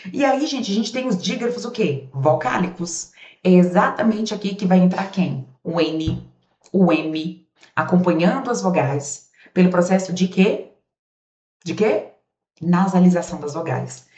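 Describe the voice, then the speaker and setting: A woman's voice: lowish voice, mellow. A Brazilian woman grammar teacher giving a recorded lesson, sounding out speech sounds aloud and asking the class rhetorical questions. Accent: Brazilian Portuguese. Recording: roomy, distant, dull sound.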